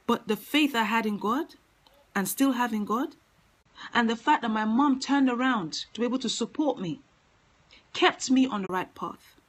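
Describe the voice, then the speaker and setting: A woman's voice: on the high side, normal speed, poor audio. A woman giving an earnest motivational talk, speaking emphatically and repeating her key phrases.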